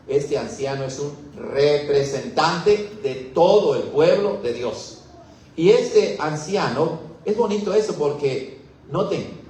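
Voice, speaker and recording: Mexican pastor preaching in an echoey hall. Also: male voice, fairly high pitch, darkish tone, a little hiss or hum. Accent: Mexican Spanish. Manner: teacherly, asks the congregation questions. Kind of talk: expository Bible sermon. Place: church hall. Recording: very echoey room, mic far off.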